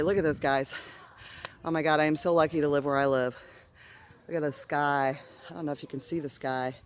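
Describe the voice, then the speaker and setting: A woman's voice: fairly low pitch, a little hiss or hum. Out-of-breath woman chatting on a walk. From Arizona. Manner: chatty, self-encouraging, breathy pauses between phrases. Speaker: vlogger. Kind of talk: casual vlog narration while walking. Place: outdoors on a neighborhood street. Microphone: handheld phone camera.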